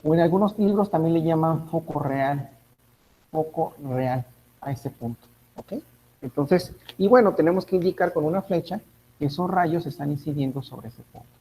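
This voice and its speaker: A man's voice: a little high, moderate pace, dark tone, slight background noise, poor audio. A man teaching a physics class, thinking aloud, correcting himself and checking in with his students. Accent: Mexican Spanish. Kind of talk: online class lecture.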